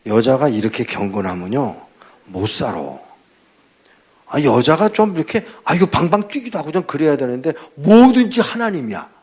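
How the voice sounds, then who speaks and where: An older male pastor giving a testimony sermon, telling his story in an animated way and acting out the dialogue. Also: fairly high pitch, normal speed, slightly rough.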